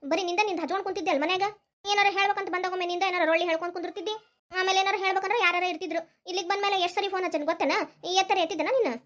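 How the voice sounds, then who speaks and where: A woman's voice: very high-pitched, a bit bright. A woman with a North Karnataka accent voicing squabbling village women, mothers-in-law and daughters-in-law, in a cartoon family drama, scolding and bickering back and forth. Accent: North Karnataka Kannada.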